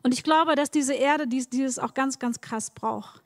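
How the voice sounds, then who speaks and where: A woman's voice: high voice, a little slow, no room sound, studio quality, big-room sound. A woman preaching a sermon, speaking straight to her congregation with encouraging words and frequent repetitions. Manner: encouraging, addresses the congregation directly, repeats words.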